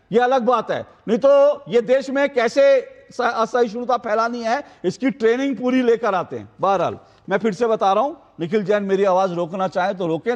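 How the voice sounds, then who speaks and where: A man's voice: very high-pitched, in a large hall, muffled recording. A man anchoring a heated TV news debate, combative and repeating his taunts over and over. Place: TV news studio.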